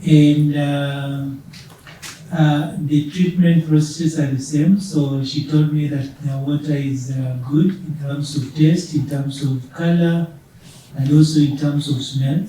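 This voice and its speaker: Brief: man, workshop participant, dark and flat, heard from across an echoey room. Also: a little high, slow pace. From Kenya. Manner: hesitant, frequent "uh". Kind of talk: speaking up in a group discussion. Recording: echoey room, distant mic, faint hum.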